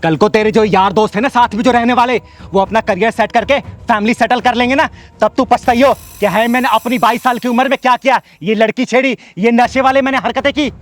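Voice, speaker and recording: Guy doing a tough kinner lady who scolds everyone, super high voice, bit of music behind. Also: steady tone, fairly quick. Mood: scolding. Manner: scolding, street-tough, lecturing. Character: fierce bold transgender woman enforcer, Chingari. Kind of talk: Rajasthani comedy sketch drama.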